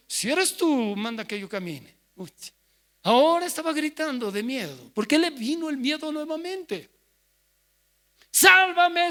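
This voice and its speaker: A man preaching a sermon as pastor, moving from quiet asides to loud cries as he acts out the people he quotes. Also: high-pitched. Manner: swings from soft asides to loud shouted quotes.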